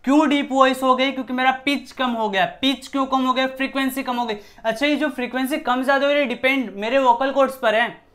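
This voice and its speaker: A man's voice: very high voice, fairly even intonation, quick pace, fairly bright tone. Male science teacher, casual, repeats and self-questions. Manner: repetitive, rhetorical questions, shifts voice to demonstrate. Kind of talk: casual classroom explanation.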